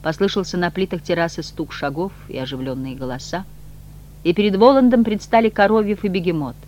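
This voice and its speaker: A reader narrating an audiobook with expressive literary delivery. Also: mid-range voice, brisk.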